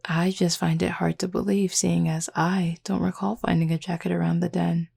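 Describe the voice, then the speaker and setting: This is a woman playing a teasing, flirty, confident werewolf pack member for an intimate audio roleplay, speaking unhurriedly in a husky, gravelly, lowish voice. It's exaggerated and dark in tone, with a flat delivery at a moderate pace, and her mood is sly and teasing.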